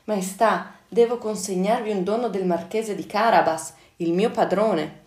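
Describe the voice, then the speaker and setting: A woman's voice: steady tone, unhurried, a little mellow, close to an everyday voice. A woman voicing a sly, clever male cat servant in a storybook reading, fawning and crafty. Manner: fawning, then shrill cries for help. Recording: echoey room.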